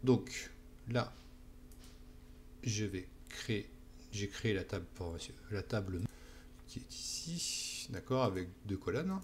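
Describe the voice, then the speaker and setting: A man teaching a software tutorial while walking through his screen, often checking in with "d'accord?". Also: fairly low pitch, unhurried, pauses often, slight background noise. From France. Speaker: instructor.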